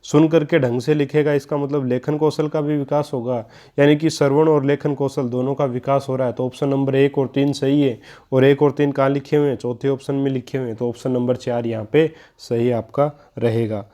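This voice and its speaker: A man's voice: medium pitch, little pitch movement, a little fast, few pauses, mellow. A man, teaching an online exam-prep lesson and explaining each answer step by step to the listeners he calls friends.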